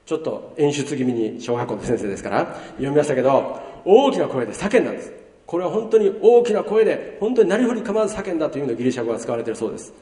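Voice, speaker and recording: A man preaching a sermon as a pastor, lively, swinging between loud emphasis and hushed asides. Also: fairly high pitch. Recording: roomy hall reverb from far off.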